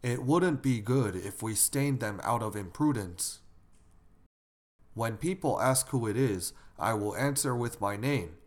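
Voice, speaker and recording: A male lecturer gives a measured moral lesson at an ordinary mid pitch. He explains each point steadily and stops to put questions to his listeners. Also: lively intonation. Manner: measured and instructive, asks the audience questions. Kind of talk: didactic lecture.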